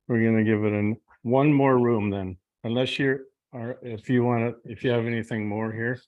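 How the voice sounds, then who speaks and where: A paranormal investigator on a call, speaking in halting, broken-off phrases while the audio comes through garbled and keeps cutting out. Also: medium pitch, steady tone. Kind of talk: casual walkthrough chat. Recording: lo-fi glitchy call line.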